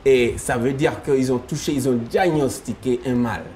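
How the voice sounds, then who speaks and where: A singer whose first language is Yakuba, chatting in an interview and telling stories with a laugh. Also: male voice, mid-range voice, moderate pace, a little hiss or hum. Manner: animated storytelling, laughing often. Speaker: gospel singer. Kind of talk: casual interview chat.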